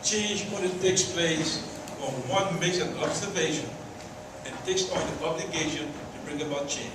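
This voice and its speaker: A man from Liberia, speaking in a measured, deliberate way as an audience member. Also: a little high, steady tone, background noise. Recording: echoey hall from far off.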